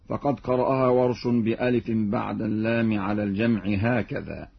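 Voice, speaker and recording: The audio is dull, carrying a medium-pitched man's voice with a breathy edge. He gives careful spoken explanations of recitation variants, then chants every example in a slow, melodic way.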